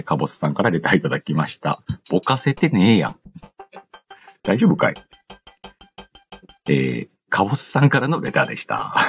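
Reading listener messages aloud on his casual radio-style program, this deep-voiced host tosses in playful jokes and comebacks. The recording has its highs cut off.

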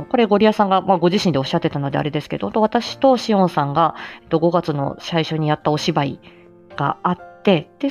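Her voice lowish and darkish, a woman chats casually and alone to listeners on her personal audio live stream, stumbling for words in a hesitant, self-deprecating manner. The audio sounds dull.

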